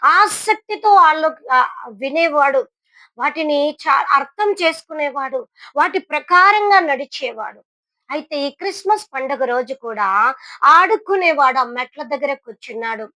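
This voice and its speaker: High-voiced woman preacher, emphatic. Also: lively intonation, measured pace, no room sound, rough recording. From India. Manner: emphatic, swinging between loud and hushed. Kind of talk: sermon storytelling.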